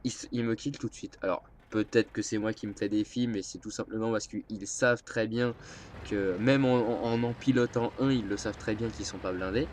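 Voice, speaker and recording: This gameplay commentator has a lowish, darkish voice with fairly even intonation and a fairly quick pace, though his cold leaves him stuffy-nosed. He talks casually, rambling and hesitant with plenty of fillers, over slight background noise.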